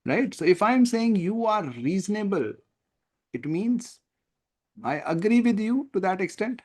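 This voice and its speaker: A man's voice: high-pitched, measured pace. A man with an Indian English accent tutoring an online class over a video call, often checking whether students follow. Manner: lively, questioning, checks understanding often. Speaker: test prep tutor.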